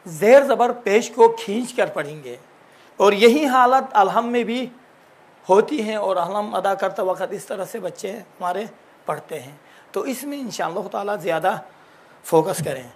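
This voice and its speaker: A man with a high-pitched voice gives a religious lesson on reciting scripture. He explains each point patiently and repeats examples. He draws out sounds slowly to show how they should be pronounced. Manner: drawn-out demonstration of syllables and words. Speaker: Quran recitation teacher.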